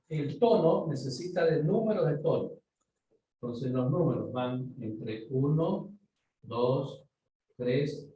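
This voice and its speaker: A man lectures students in a mellow, dark voice, patiently explaining and pausing to ask if they follow. He sounds set back from the mic in an echoey room with a faint hum of ambience behind him. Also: medium pitch, muffled recording. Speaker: university lecturer. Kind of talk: online physics lecture. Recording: roomy, distant mic, faint ambient noise.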